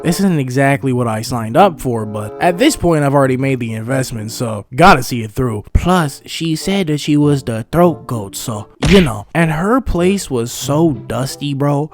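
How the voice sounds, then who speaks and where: A man's voice: medium pitch, animated, normal speed, few pauses, soft background music. A young man from Montreal, telling a comedic story in a casual, crude style full of slang and joking asides. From Montreal, Canada. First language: English. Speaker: animated storyteller. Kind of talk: comedic story time narration.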